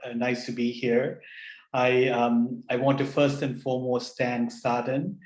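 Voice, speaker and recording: A man's voice: mid-range voice, level tone, unhurried, a little mellow, roomy sound, rough recording. A man who grew up in Sri Lanka, giving an earnest, hesitant panel talk over a video call. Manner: earnest, hesitant with many fillers. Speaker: panel speaker.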